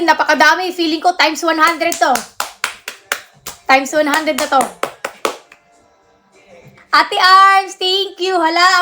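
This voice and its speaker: A woman's voice: sits high, sharp tone. A young woman hosting a casual livestream, chatting, answering viewer comments and thanking gifters. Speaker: livestream host.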